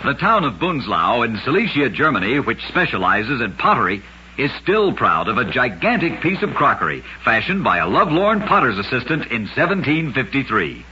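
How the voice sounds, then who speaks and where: A sing-song, sharp-toned man with a mid-range voice reads short oddity stories at normal speed, a radio host with a dramatic, emphatic script. The vintage recording is noisy and band-limited, its highs cut off.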